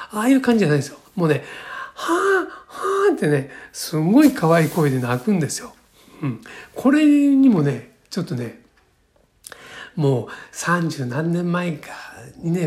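A man's voice: on the high side, a little mellow. A man in his sixties talking alone as a podcast host, chatty and rambling, with a filler in nearly every phrase. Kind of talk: casual solo monologue.

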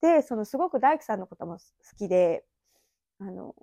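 A woman's voice: mid-range voice, very animated, a little fast, mellow, no room sound. A woman in her thirties hosting a casual solo podcast at home, reminiscing in a rambling, chatty way with little laughs. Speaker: podcast host. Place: empty house. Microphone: phone app mic.

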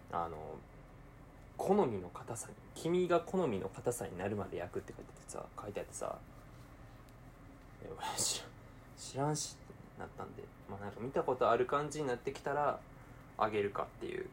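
A young man with a Kansai accent talking casually to himself while cooking, swinging between quiet mumbling and excited outbursts. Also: on the low side, fast talker, a little hiss or hum. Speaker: podcaster.

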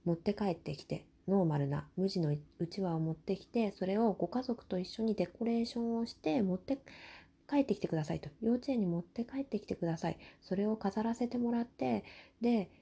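A young woman hosting a personal talk show, chatting casually in a quiet, soft, breathy murmur at night about everyday life. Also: a little fast. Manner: quiet, murmuring low-voiced talk at night beside sleeping children. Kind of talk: late-night casual chat, telling everyday family stories.

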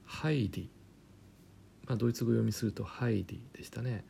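A man teaching German pronunciation in a chatty, joking way, often dropping to a quiet aside. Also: mid-range voice, fairly quick, vocal fry, a little hiss or hum. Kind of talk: casual spoken lesson with jokes.

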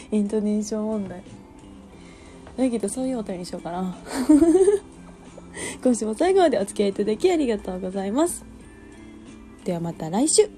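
A woman in her twenties chats through her solo radio show with a Kansai accent. Her voice is mellow and warm, and she is easygoing and quick to poke fun at herself. Faint music plays softly behind her. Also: medium pitch, big pitch swings. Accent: Kansai Japanese. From Kansai, Japan. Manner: chatty, self-deprecating, laughs often. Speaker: podcast host. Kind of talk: casual solo radio talk.

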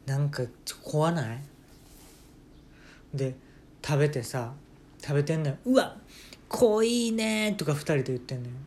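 A man hosting a casual solo podcast, telling a family story with playful jokes and quick self-corrections. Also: medium pitch, steady tone, darkish tone, a little hiss or hum. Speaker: podcast host.

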